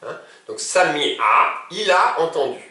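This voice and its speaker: A man gives a patient classroom lesson at an unhurried pace, his high, lively voice rising and falling as he checks that everyone follows. The sound is bright and clear in tone. He is picked up from a distance in a very echoey room. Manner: patient, checks understanding often. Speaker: Arabic teacher.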